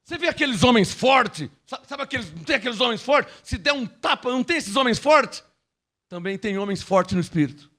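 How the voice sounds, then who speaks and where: A man's voice: very high-pitched, expressive, fairly quick, sharp tone. A man preaching a sermon as a pastor, acting out Bible dialogue as he goes.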